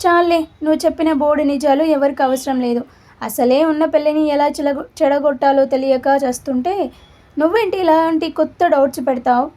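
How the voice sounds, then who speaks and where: A woman's voice: high voice, moderate pace, dark tone, close to an everyday voice. Woman doing an irritable young boss.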